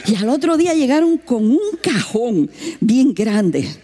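A woman's voice: measured pace, slight background noise. A woman preaching a sermon, telling a missionary story and acting out the voices in it. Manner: lively, acts out quoted voices with big pitch jumps.

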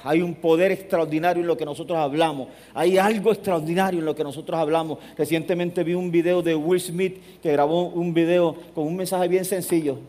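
A man preaching a sermon in a church, his high-pitched voice rising and falling between soft and loud. His words trail off into a long hall reverb. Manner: animated storytelling, swinging from hushed to loud. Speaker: pastor. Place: church sanctuary.

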